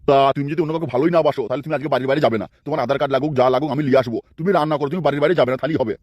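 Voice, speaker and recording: A man's voice: mid-range voice, steady tone, rapid-fire, dry recording, lo-fi sound, natural voice. A man voicing a stubborn, suspicious husband in a comic cartoon dub. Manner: nagging, suspicious.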